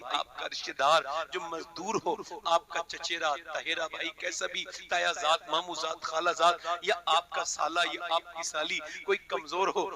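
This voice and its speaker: High-pitched, impassioned male preacher at a rally. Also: rough recording. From northern India. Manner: impassioned, climbing into loud fervent shouts; storytelling with acted dialogue. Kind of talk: religious sermon at a public gathering. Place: large gathering with an audience. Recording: loud crowd noise around the speaker.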